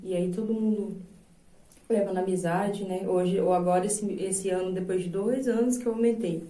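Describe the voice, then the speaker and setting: A woman's voice: medium pitch, steady tone, normal speed, warm tone. A Brazilian woman in her thirties, a singer and voice teacher, talking earnestly and reflectively in an interview, with lots of filler tags. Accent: Brazilian Portuguese. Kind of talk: casual interview chat. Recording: roomy sound from a distant mic.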